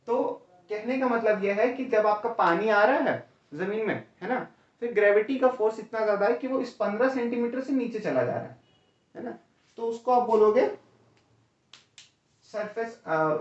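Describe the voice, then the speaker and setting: A man's voice: high-pitched, normal speed. A male teacher giving an exam-prep lecture, explaining step by step and often checking in with "है ना?" and "ठीक है?", calling students "भैया". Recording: roomy, distant, dull lo-fi sound.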